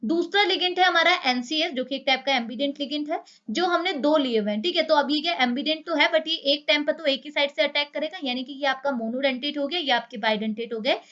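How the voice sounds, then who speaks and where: A woman's voice: high-pitched, quick pace, a bit bright, highs cut off. A woman with an Indian accent lecturing on chemistry, explaining step by step and asking many rhetorical questions. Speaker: chemistry teacher.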